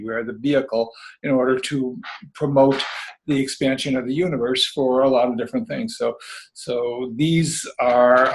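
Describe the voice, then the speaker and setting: A man's voice: mid-range voice, poor audio. A man speaking as a guest author in a casual spiritual interview, meandering and folksy, calling listeners babies and kiddies.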